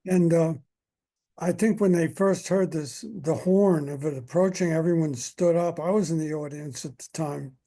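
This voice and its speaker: Mellow older man hosting. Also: fairly high pitch, normal speed. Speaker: podcast host. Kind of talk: casual interview talk.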